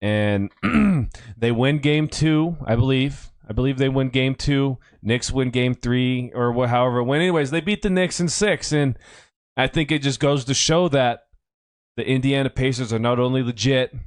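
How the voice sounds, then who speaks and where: A man hosting a casual sports podcast, his voice a bit strained from yelling, rambling and correcting himself as he talks. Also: mid-range voice, moderate pace, dry recording, clean studio sound. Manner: rambling, self-correcting, conversational. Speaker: podcast host; youth coach.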